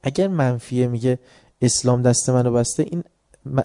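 A man giving an informal religious class, telling stories with swings between loud and quiet, and reciting verse slowly. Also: mid-range voice, clear, resonant tone, no echo, studio quality. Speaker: religious lecturer.

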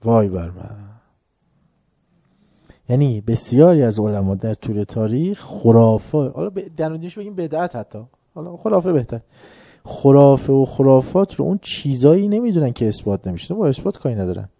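A man's voice: mid-range voice, sing-song, creaky, mellow. A man giving a philosophy lecture, emphatic, asking the audience rhetorical questions and urging them to pay attention.

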